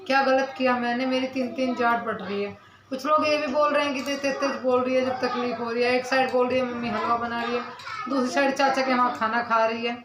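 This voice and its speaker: A woman's voice: a little high, fairly even intonation, fairly quick, roomy sound, noisy background. A young woman vlogger talking to camera, earnestly answering her viewers' comments and defending herself while in some pain from her mouth. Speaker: village vlogger.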